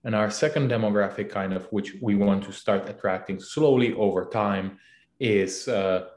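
Guy fumbling through answers with lots of uhs, lowish voice, roomy echo. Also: a little mellow. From Czech Republic. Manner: halting, many fillers and restarts. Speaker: CEO guest. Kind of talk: casual interview answers. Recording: echoey room.

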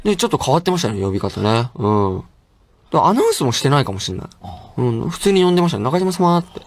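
A man's voice: medium pitch, big pitch swings, racing. Playful chatty male radio host. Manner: playful, chatty, laughs often. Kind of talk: casual radio talk reading listener mail.

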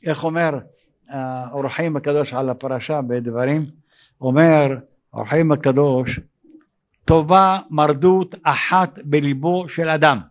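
An older man, a rabbi giving an evening sermon, who pauses often and acts out dialogue in an animated, raised voice. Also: fairly high pitch. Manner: halting, with frequent hesitations.

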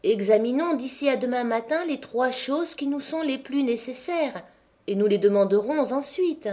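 A woman's voice: high-pitched, expressive, moderate pace, mellow, pitched above the performer's own voice. A woman voicing a sensible but hot-headed peasant husband who scolds and pleads. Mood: reasoning.

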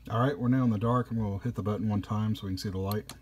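A man casually reviewing a collectible statue at a table indoors, easygoing, with frequent pauses. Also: on the low side, fairly even intonation, a little mellow, a little hiss or hum.

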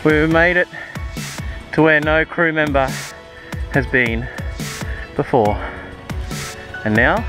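Slow, laid-back Australian man on a dirt bike. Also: fairly high pitch. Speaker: vlogger riding a dirt bike. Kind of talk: casual helmet-cam commentary. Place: outdoors in bushland, on a dirt bike. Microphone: helmet camera mic. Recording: loud music over the voice.

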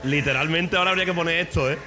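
A man from Spain with a Spanish accent, streaming a game in casual commentary, excitable and swearing, breaking into shouts. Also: on the high side, rapid-fire, faint music behind.

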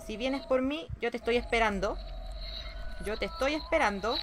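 A woman's voice: a little high, moderate pace, noisy background. A young woman giving casual gameplay commentary, sassy and talking back to the game. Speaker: gameplay streamer.

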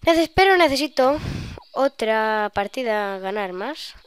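Smooth-voiced young woman gamer. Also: fairly high pitch, slow. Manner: chatty, excitable, bursts of shrieks. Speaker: gaming YouTuber. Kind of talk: live gameplay commentary.

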